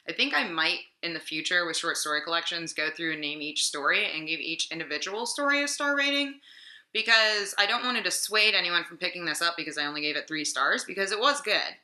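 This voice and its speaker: Her voice is on the low side and sharp in tone. A young adult book vlogger, slightly sick, chats loosely about her week's reading with lots of fillers, in an echoey room at home.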